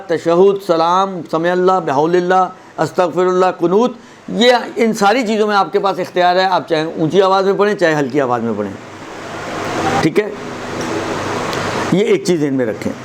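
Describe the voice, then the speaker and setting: A man teaching a religious lesson on prayer recitation, explaining step by step, slowly demonstrating verses and checking in with his listeners. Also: high voice, a little hiss or hum.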